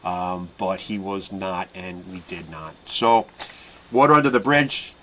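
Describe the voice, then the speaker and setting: A man hosting a casual sports fan podcast, asking his co-host questions and often trailing off quietly. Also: deep voice, measured pace, slight background noise. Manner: asks his co-host questions, many restarts.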